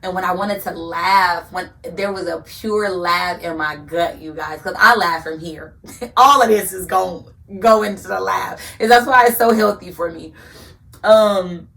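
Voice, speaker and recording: A woman's voice: fairly low pitch, a little slow, creaky, fairly bright tone, distant mic. Earnest woman preaching, set back from the mic. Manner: earnest, preacher-like, repeats phrases for emphasis. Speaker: podcast host. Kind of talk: motivational faith talk.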